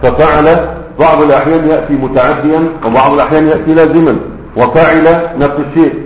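A man's voice: a little high, steady tone. A man with an Egyptian Arabic accent teaching a grammar lesson, patiently explaining and often checking that his students follow. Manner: patient, explanatory, keeps checking understanding with quick questions. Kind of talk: classroom-style grammar lesson. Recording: roomy, dull lo-fi recording.

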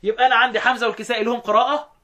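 A man's voice: very high-pitched, level tone, sharp tone. A man with an Egyptian Arabic accent teaching Quran readings, quizzing his student and repeating each answer. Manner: quizzing, repeats answers, drills phrases slowly. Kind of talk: teaching the variant readings with call and response.

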